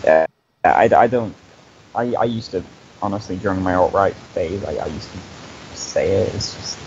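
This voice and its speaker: A young man co-hosting a live stream speaks earnestly and with profanity, stammering through restarts in casual chat. His voice is low and creaky at a normal speed, and the dull lo-fi mic adds hiss.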